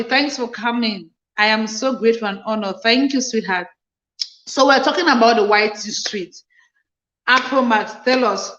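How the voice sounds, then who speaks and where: A woman's voice: mid-range voice, echoey room, muffled recording. A woman hosting a casual livestream chat, reading viewer comments aloud and answering them earnestly, often repeating phrases for emphasis. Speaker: livestream host.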